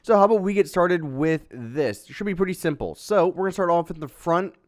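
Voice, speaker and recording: A man casually narrating a step-by-step building tutorial in a relaxed, chatty way, with fillers and little sound effects. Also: high voice, brisk. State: has the hiccups. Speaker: Minecraft building tutorial host.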